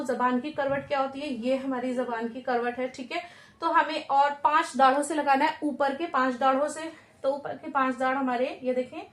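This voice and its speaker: A woman teaching Quranic pronunciation step by step, patient and repeating each sound slowly with frequent checks for understanding. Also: high-pitched. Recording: echoey room.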